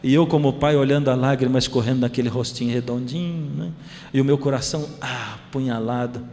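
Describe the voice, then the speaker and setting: A man's voice: mid-range voice, steady tone, fairly quick, a little mellow, long reverb tail. A man with a Brazilian Portuguese accent, a pastor telling a family story in a sermon and acting out the dialogue.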